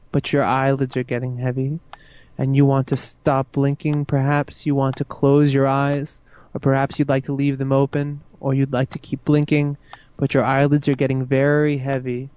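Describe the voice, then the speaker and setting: A man talks a listener into hypnotic sleep in a slow, soothing, repetitive way. His voice is smooth and mellow, held low and even. The recording sounds dull and lo-fi. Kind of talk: guided hypnosis induction.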